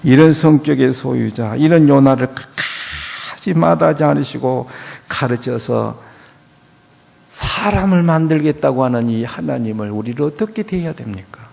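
A man preaching a sermon as pastor at a church, asking rhetorical questions and swinging from quiet to loud. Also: mid-range voice, lively intonation, moderate pace, creaky.

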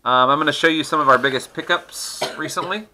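With a sharp, fairly quick voice on the higher side, this middle-aged host cracks open trading card packs at his home desk, bantering and laughing as he teases. Slight background noise can be heard.

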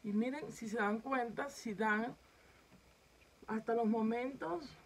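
Chatty woman, slightly high voice. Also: slow, husky, poor audio. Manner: chatty, addresses viewers directly as "mi gente". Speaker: makeup vlogger. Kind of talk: makeup tutorial demonstration. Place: home setup filming herself.

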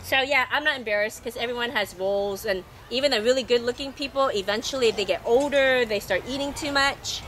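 A middle-aged woman chats to camera in a loose, rambling, easygoing way, her slightly high voice roughened and scratchy from a recently lost voice. A faint hum of noise sits behind her. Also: a little fast, few pauses, a bit bright. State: scratchy, recovering from losing her voice. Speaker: sailing travel vlogger. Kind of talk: casual unscripted monologue to camera.

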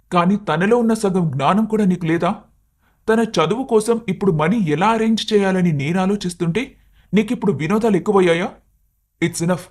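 A fairly high male voice for a cartoon young husband, played by a man, patient but hurt. He reasons and pleads with his wife in an earnest, strained tone. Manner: pleading, reasoning, sometimes angry. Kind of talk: animated cartoon story voice acting.

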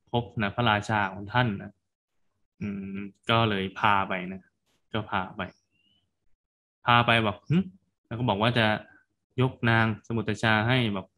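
A man, a Buddhist monk, retelling a folk tale in a sermon, chatty and casual, softening his sentences with particles. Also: fairly low pitch. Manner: casual storytelling, tags sentences with soft particles.

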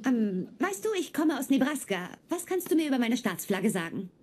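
A woman's voice: fairly high pitch, sing-song, normal speed, a little mellow. A woman dubbing a bubbly young neighbor and aspiring actress in a sitcom, chatty and encouraging. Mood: friendly. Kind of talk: dubbed sitcom acting.

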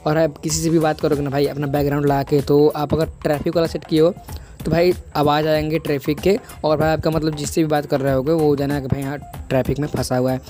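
Over background music, a young tech video host walks through an app tutorial in a casual voice-over. His warm voice sits on the high side, level in tone and fast; he keeps repeating himself and calls the listener "bhai" like a buddy.

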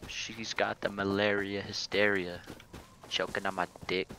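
Low, slow-talking, crisp-edged gamer man. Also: level tone, pushed and bright, slight background noise. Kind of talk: casual gaming chat.

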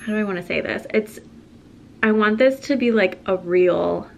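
A woman's voice: mid-range voice, moderate pace, vocal fry, a little mellow, slight background noise. A young woman and stay-at-home mom vlogging casually to the camera at home, chatty and filling her talk with "like", tearful as she opens up. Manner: chatty, filler-heavy, emotional and tearful in the coffee chat. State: crying.

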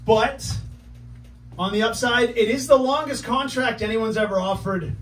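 A man's voice: very high voice, moderate pace, a little hiss or hum. A man doing a stand-up comedy set, chatty and self-mocking, laughing at his own jokes. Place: comedy club stage. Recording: roomy club from far off, crowd laughing.

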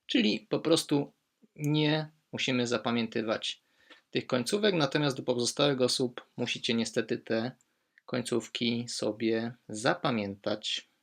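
A male German teacher talks through verb endings in a slow, unhurried way. His voice is bright and clear, and he calmly leans on each example word he wants learners to remember. It sounds like an online lesson recording. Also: mid-range voice. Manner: patient, explains step by step, stresses German example words.

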